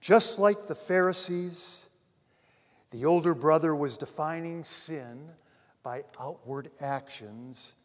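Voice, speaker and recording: A pastor preaches with a high voice that rings out in a large hall with a long reverb. He swings from ringing emphasis to almost hushed asides, addressing the congregation as dear friends. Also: takes it slowly. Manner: dramatic swings between loud emphasis and near-hushed asides. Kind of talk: sermon.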